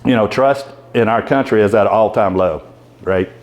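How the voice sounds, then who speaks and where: Addressing a club audience as a guest, a man with a lowish voice and normal pace talks conversationally about leadership and keeps asking the listeners questions.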